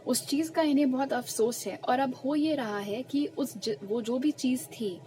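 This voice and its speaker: A woman's voice: high voice, poor audio. A young woman giving a pick-a-card tarot reading, explaining each message earnestly and with emphasis. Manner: slow, soft murmured questions while shuffling cards. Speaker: tarot reader.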